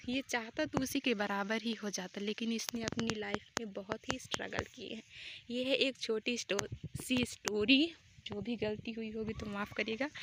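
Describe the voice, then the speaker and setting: A woman's voice: a little high, fairly bright tone, slight background noise. A young woman vlogging casually as she tours her rural home outdoors, chatty and a little apologetic, recorded on a handheld phone. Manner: chatty, apologetic, homely commentary. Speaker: village vlogger. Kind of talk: casual village vlog tour.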